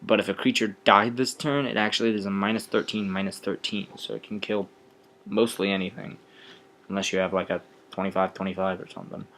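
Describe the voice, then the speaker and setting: A young man explaining his card game deck in a casual, low-energy way, pausing often with ums. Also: level tone, a bit bright, a little hiss or hum.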